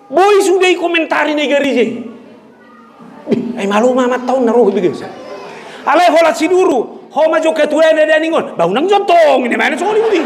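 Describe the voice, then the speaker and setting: A male pastor preaching a sermon, animated and switching between shouted exhortation and joking asides. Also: very high-pitched.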